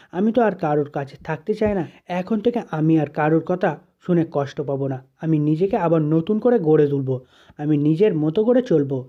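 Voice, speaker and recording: A man voicing a hurt, defiant young woman, pleading and bitter, in a dull lo-fi recording. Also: low-pitched. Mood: tearful.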